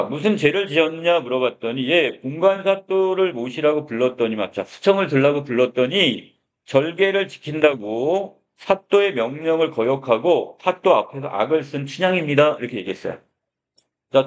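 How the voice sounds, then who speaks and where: A male middle school Korean teacher with a slightly high voice gives a literature lecture, recorded with lo-fi sound. He opens his points with many "자," prompts and asks his students questions as he explains.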